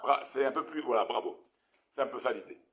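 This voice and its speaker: A man teaching a Torah lesson as a rabbi, animated and questioning his audience, with many Hebrew terms. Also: medium pitch, a little fast.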